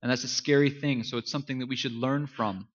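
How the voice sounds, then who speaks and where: A man preaching a sermon as pastor, earnest and emphatic, with dramatic pauses. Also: medium pitch, steady tone, lo-fi sound.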